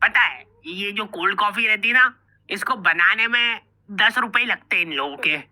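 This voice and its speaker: A man's voice: high voice, moderate pace, pushed and bright, voice pushed down. A man voicing a boastful, bossy senior student who plays love guru. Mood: bragging. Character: swaggering male senior college student, self-styled love guru.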